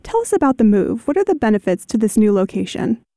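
A woman hosting a radio interview who reads measured, scripted questions clearly. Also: fairly high pitch, big pitch swings, mellow, no echo, studio quality.

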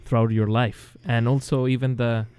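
A man from Chile, interviewed casually over a video call, speaks English as a second language with a Chilean Spanish accent. His smooth, medium-pitched voice stays level at a moderate pace, while his hesitant delivery is full of ums, restarts, and quiet chuckles.

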